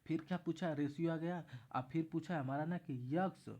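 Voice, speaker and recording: A man's voice: a little high, steady tone, a little fast, mellow. A man tutoring math in a casual exam-prep lesson, walking through each step and repeating himself as he explains.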